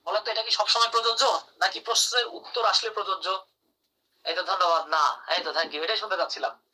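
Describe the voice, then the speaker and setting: A man's voice: high voice, steady tone, brisk, sharp tone, far from the mic, rough recording. A man teaching English grammar in a live online class, calling on students by name and praising their answers.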